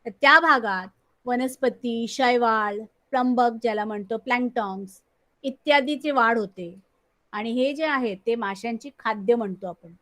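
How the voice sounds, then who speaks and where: In a screen recording of an online class, a woman teacher with a Marathi accent explains things slowly, repeating key terms and often clearing her throat. Her voice is fairly high-pitched, pushed, and bright.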